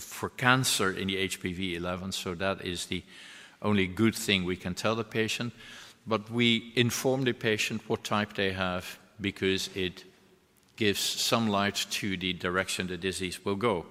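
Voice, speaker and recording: A male surgeon lectures in a large hall, his voice on the lower side yet bright and forceful. He explains earnestly, pausing and restarting his phrases. A long reverb trails after each line. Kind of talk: medical conference lecture.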